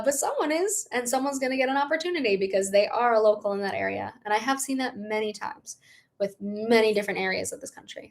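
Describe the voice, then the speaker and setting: A young adult woman hosting a casual livestream, answering viewer questions in a bubbly, chatty manner. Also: on the high side. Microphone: live stream setup.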